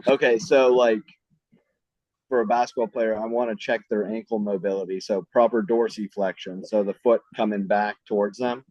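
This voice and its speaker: Answering interview questions casually, a man who works as a mobility trainer explains things in a loose style, leaning on "I mean" and "right?". His voice is on the low side, a little mellow, fairly even and moderately paced. The recording is dull and lo-fi, with no echo.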